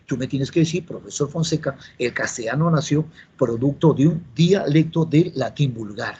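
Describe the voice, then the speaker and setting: A man's voice: medium pitch, normal speed, mellow, husky. A man teaching a class, repeating key words and answering his own questions. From Peru. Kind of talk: classroom lecture. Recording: dull lo-fi classroom recording with faint noise.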